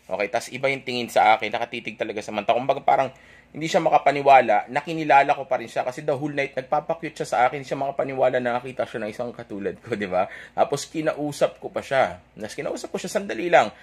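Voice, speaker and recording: A man's voice: mid-range voice, quick pace. A young man telling an audience a dating story in a casual, rambling way, correcting himself and checking in with "okay?" after nearly every point. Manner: chatty, rambling, self-correcting.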